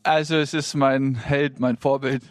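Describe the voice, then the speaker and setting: A man in his late thirties with a mid-pitched voice speaks in an upbeat, admiring way. The sound is dry and close. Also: level tone, measured pace, no echo. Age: 30s. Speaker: pastor, panel guest.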